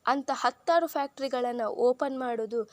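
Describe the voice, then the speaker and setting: A woman's voice: high voice, moderate pace, dry recording, lightly acted. A woman playing a taunting, arrogant businessman. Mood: defiant. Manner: mocking, contemptuous. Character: arrogant defiant young businessman, taunting rival.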